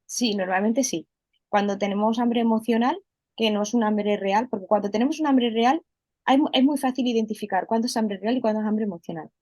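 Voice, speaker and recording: A woman's voice: a little high, fairly quick, warm tone, no echo. Chatty woman explaining, dry sound. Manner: explanatory, frequent fillers and restarts. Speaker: holistic health coach, guest. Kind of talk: conversational interview.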